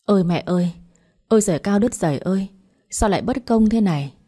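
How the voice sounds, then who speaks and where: A woman's voice: mid-range voice, lively intonation, a little fast, dark tone, husky. A woman voicing an aggrieved middle-aged village wife who protests in a wailing, indignant way.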